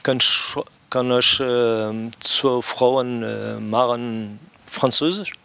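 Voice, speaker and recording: A man's voice: mid-range voice, drawn-out words, gravelly, sharp tone, dry recording. Hesitant Portuguese-born man. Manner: hesitant, many fillers. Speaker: audience member.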